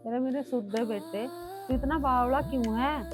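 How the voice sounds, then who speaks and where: A bossy older mother-in-law from a village film drama, barking orders in a Haryanvi accent, played by an actress. Her voice sits high for a woman, with soft background music underneath. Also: moderate pace, lightly acted. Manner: scolding, blunt and commanding.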